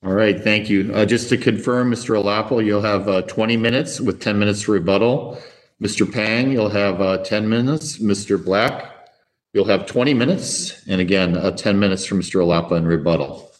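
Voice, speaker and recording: Male presiding judge, fairly low voice, formal procedural delivery. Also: normal speed. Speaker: presiding chief justice. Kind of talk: formal courtroom procedural remarks.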